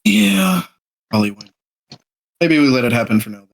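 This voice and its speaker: A man's voice: mid-range voice, sing-song, moderate pace, gravelly. A man playing a brooding, laid-back adventurer in a tabletop game, terse and casual, over a slightly noisy microphone.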